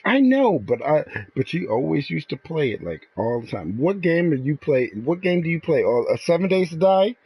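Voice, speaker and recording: Mocking, argumentative man with a lively voice. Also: fairly high pitch, moderate pace, hardly any pauses, husky, no echo. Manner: mocking, argumentative, swears freely. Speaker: gaming streamer. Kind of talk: heated casual banter with an online friend.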